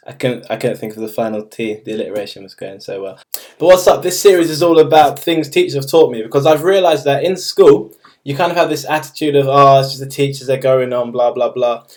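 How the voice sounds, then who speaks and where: A man's voice: fairly high pitch, darkish tone. A young man chatting to camera in an upbeat, casual way and retelling a school story. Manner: upbeat, chatty, retells scenes with acted quotes. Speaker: vlogger.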